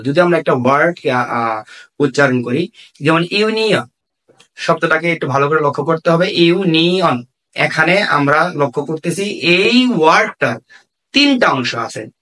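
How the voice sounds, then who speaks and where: Man, bangladeshi bengali accent, teacher, slightly high-pitched, repeats phrases, pauses with fillers. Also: a bit bright. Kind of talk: explaining an English grammar lesson.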